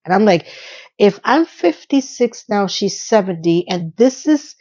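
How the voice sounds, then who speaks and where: Speaking unhurriedly with lively intonation, this woman in her fifties runs a YouTube commentary that's chatty and gossipy, peppered with filler, asides and small sung quips. Her mid-range voice has a dark tone, and the recording's highs are cut off.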